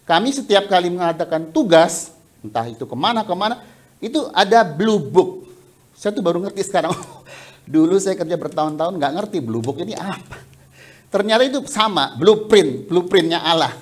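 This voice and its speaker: A man preaching a sermon in a church, chatty and animated, breaking into laughter, on a headset mic. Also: high-pitched, moderate pace. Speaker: pastor. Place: church sanctuary. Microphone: headset mic resting on the cheek.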